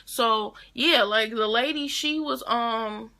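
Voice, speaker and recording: Chatty bright-voiced teen girl vlogging. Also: a little high, slow. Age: teens. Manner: rambling, chatty retelling with many likes and restarts. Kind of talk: casual storytelling to camera.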